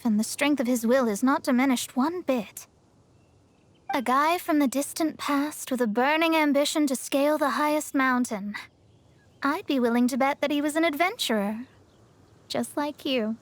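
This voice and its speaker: A woman's voice: high-pitched, natural voice. A woman playing a proud, analytical young astrologist in an anime game dub, explaining things in a matter-of-fact, scholarly way.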